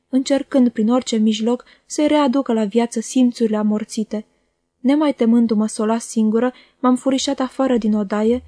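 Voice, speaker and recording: A woman reading a classic novel aloud as an audiobook, in a measured and expressive manner. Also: fairly high pitch, dry recording, clean studio sound. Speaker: audiobook reader. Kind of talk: literary audiobook narration.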